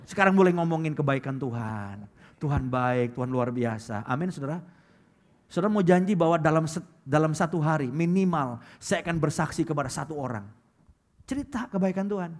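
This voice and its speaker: A male pastor preaching a lively sermon, calling out loudly and dropping to quiet asides. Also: a little high, brisk. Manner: lively preaching, swings between loud calls and quiet asides; acts out quoted churchgoers in put-on voices. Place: church hall.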